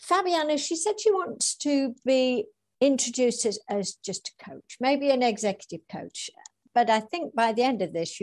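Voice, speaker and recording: A woman hosting a podcast interview, chatty and quick to laugh. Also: medium pitch, a little mellow, no echo. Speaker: podcast host. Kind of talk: casual interview.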